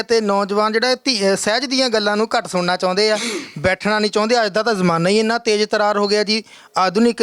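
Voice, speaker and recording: A man's voice: high voice, fairly bright tone, clear, resonant tone, dry recording. A man interviewing a religious guest for a news channel, asking his questions eagerly.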